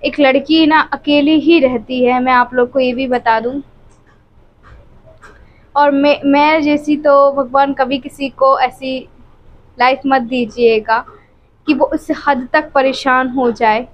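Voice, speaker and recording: A woman's voice: high-pitched, steady tone, takes it slowly. A woman family vlogger at home, speaking emotionally and directly to her viewers about her troubles, recorded on a phone camera. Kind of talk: tearful personal confiding to viewers. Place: at home, by the bed. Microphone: phone camera held close. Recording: dull, lo-fi phone audio.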